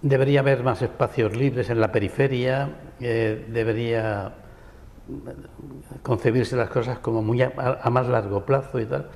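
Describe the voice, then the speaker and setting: This guest, a writer and architect from Barcelona with a Peninsular Spanish accent, answers at great length in a conversational TV interview in a local studio. He talks at normal speed in a medium-pitched, darkish voice with fairly even intonation, in a large-hall acoustic.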